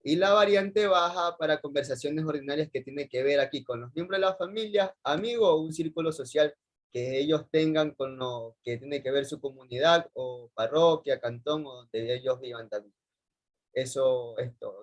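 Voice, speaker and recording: Young Ecuadorian male student, higher pitch, rambling and hesitant delivery. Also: normal speed. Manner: rambling, repeats stock phrases with many hesitations. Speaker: university student presenting. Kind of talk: class presentation over video call.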